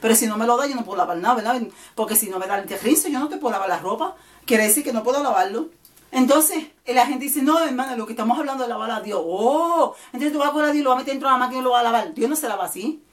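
Joking woman evangelist with a high voice. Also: lively intonation, quick pace. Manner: jokey, tells funny anecdotes, often asks "¿verdad?", acts out voices. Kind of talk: casual storytelling monologue.

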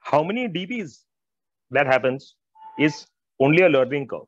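A middle-aged man with an Indian accent, an audio expert, presents technical material on a video call through wired earphones, and the audio is dull and band-limited but free of echo. His voice sits a little high and sounds animated at a normal speed. He explains informally and emphatically, repeating phrases and speaking straight to his listeners.

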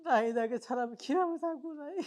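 A man's voice: high-pitched, fairly even intonation, a little fast, close to an everyday voice. A man playing an emotional husband in a short-film drama who is confused and grieving over his wife. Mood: grief-stricken. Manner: emotional, calls out names.

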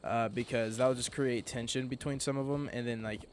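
A man gives casual, rambling gameplay commentary, sounding sleepy and yawning, with many fillers and restarts as he frequently corrects himself. His medium-pitched voice is steady and a little fast, with a slight hiss or hum.

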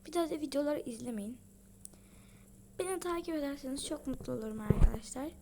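A woman's voice: high voice, fast talker. A woman casually commenting as she plays a game, talking to her viewers and often dropping into whispered asides. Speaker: gaming channel host. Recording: loud background hiss with clicks.

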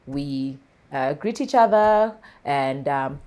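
Low-voiced woman interviewee, animated. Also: takes it slowly. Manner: articulate, animated with hand gestures, laughs often. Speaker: farmer and entrepreneur guest. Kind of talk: interview conversation. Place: small television studio set. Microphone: lapel mic.

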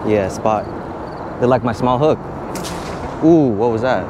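A man's voice: mid-range voice, unhurried. A young man vlogging while fishing from an outdoor pier, chatty and upbeat, recorded on a head-mounted action camera. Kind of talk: casual vlog narration. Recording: outdoor camera audio with clear noise.

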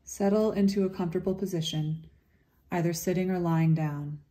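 Leading a meditation, a woman speaks in a soft, relaxed voice with a dark, low pitch. She takes her time, talking gently and resting in long, soothing pauses between phrases.

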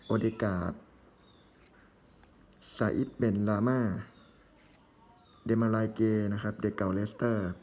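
A man's voice: on the low side, steady tone, slow pace, pauses often, lo-fi sound. A man casually commenting while opening trading card packs, reading out player names in short bursts with chatty asides.

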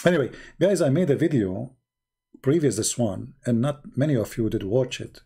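A man's voice: medium pitch, animated, normal speed, creaky, mellow, slightly rough. A man giving a sarcastic, rambling monologue in broken non-native English, posing mock-naive questions. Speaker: online commentator. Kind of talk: mocking monologue.

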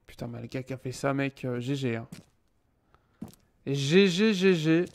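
A French gaming streamer in his thirties plays a game at a desk mic in a small room at home, joking with chat in casual Let's Play commentary. He's teasing and mock-indignant, with a medium-pitched, lively voice at normal speed and a little hiss or hum.

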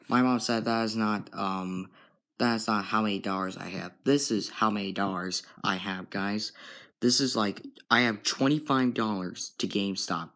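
A young man filming a casual home vlog, talking slowly and repeating himself, often calling out to his viewers. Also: on the low side, a bit bright. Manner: slow and repetitive, keeps addressing "guys". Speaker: vlogger. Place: bedroom at home. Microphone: handheld phone camera.

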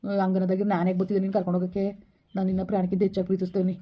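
A woman playing a young man who has eloped with his girlfriend and keeps calming her, in a village skit. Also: medium pitch, racing, close to an everyday voice. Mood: soothing. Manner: soothing, urging calm, repeating himself. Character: young man Sharath, eloping lover, soothing. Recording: dull lo-fi recording.

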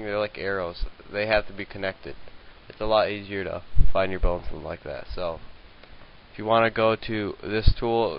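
Low-voiced young man with a hissy lo-fi mic. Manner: rambling, hesitant, many okays and fillers. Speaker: tutorial maker. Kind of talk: casual screen-recorded software tutorial. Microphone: handheld mic.

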